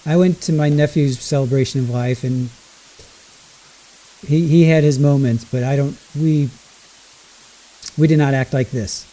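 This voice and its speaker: A man giving casual live commentary, rambling and correcting himself as he goes, with a low hiss under his voice. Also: fairly even intonation, unhurried, long pauses, dark tone, poor audio. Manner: rambling, self-correcting, exclaiming. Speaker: livestream trial commentator.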